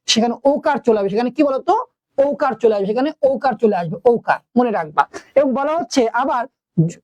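A male teacher giving a lesson at a brisk, rapid pace. He keeps quizzing his students and circling back over the same rule. The sound is close and dry, with no room around it. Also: extremely high pitch, dry recording. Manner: asks the class questions and repeats key points. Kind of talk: classroom lesson.

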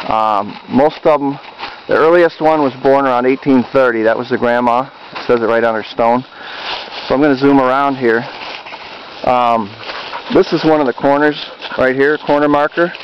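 A man talks his way through a walk in the woods at a middle pitch, unhurried and pausing often as he films. The sound comes from a camcorder's own mic, dull and lo-fi. A faint outdoor hiss sits behind him. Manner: unhurried, pausing with ums and uhs while filming. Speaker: amateur videographer exploring a cemetery. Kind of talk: casual walking narration. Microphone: handheld camcorder mic.

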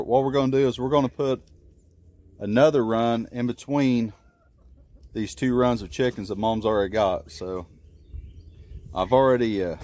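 A homesteader in his thirties, with a medium-pitched and slightly mellow voice, shows a chicken run he's building in a wooded yard by the coop. He films this casual how-to vlog on a handheld phone, talking in a plain-spoken, folksy way.

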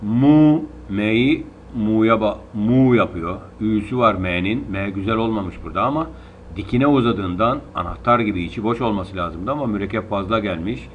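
A man's voice: lowish voice, normal speed. A man with a Turkish accent teaching Quran reading, patiently drawing out syllables and drilling them again and again. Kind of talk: slow spelling-out lesson. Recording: dull lo-fi recording with faint hiss.

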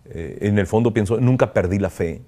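A man, a priest giving an emotional interview, speaking earnestly and haltingly, often pausing to reflect. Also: on the low side, dark tone. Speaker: priest, kidnapping survivor interviewee.

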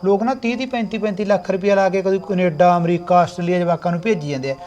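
A man playing a high, quick-talking farmer brother. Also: fairly even intonation, darkish tone, dull audio, close to an everyday voice. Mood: earnest. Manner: plain, persuasive, reassuring. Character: earnest farmer elder brother, steady and generous. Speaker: actor. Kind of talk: village family drama acting.

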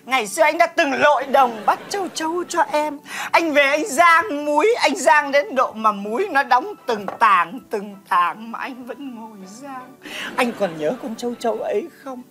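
A woman on stage playing a loud visitor who swings between fierce cursing and sentimental drama. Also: high voice, animated, fast, soft background music. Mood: nostalgic. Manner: dramatic, exaggerated. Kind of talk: stage comedy acting.

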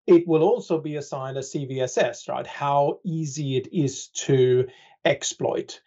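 Here a man's medium-pitched, dark voice comes through lo-fi audio. Appearing as an expert podcast guest, he explains topics conversationally, mixing in deadpan sarcasm and tacking "right?" onto many lines.

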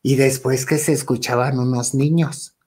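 A man's voice: mid-range voice, fairly even intonation, moderate pace, a little mellow, husky. A man with a Mexican accent telling a ghost story casually and animatedly, dropping to a whisper at the spooky parts. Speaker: guest storyteller.

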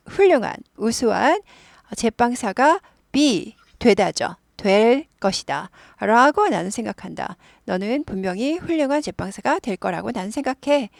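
A woman teaching English, reading the dialogue lines slowly and explaining them in Korean. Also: a little high, creaky, no echo, studio quality.

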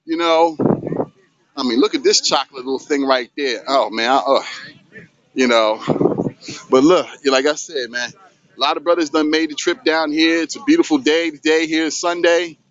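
A man's voice: a little high, moderate pace, fairly bright tone. A middle-aged man hosting a casual handheld vlog outdoors on a sunny beach, talking in a loose, hyped, streetwise way. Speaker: vlog host. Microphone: handheld phone camera. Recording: dull lo-fi phone audio.

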